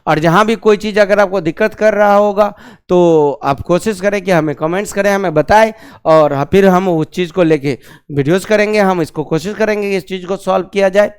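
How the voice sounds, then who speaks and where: Man, grammar teacher, classroom lesson, high voice, smooth and resonant, asks questions and repeats key terms. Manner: drills slowly on key terms.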